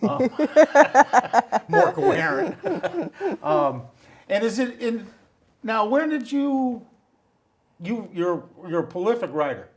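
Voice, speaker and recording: A man's voice: very high voice, sing-song, slow pace. A man hosting an interview, telling a chatty story and asking friendly questions with fillers. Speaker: talk show host. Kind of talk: casual interview.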